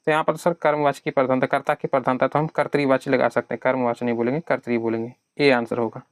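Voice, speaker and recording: A man's voice: medium pitch, flat delivery, fast, no room sound, studio quality. A man teaching an exam prep lesson in a conversational way, answering his own questions on behalf of his students.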